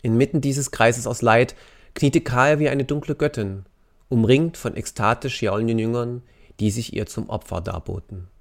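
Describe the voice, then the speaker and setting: A man reading a novel excerpt aloud in an intense, expressive storytelling manner. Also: medium pitch, normal speed, vocal fry. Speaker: narrator. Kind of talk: dramatic audiobook reading.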